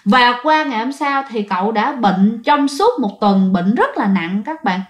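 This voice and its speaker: Chatty Southern Vietnamese woman who tells ghost stories and talks to her listeners; fairly high voice, echoey room. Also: animated, unhurried. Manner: chatty, addresses listeners directly. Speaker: ghost story narrator. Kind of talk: casual spoken storytelling.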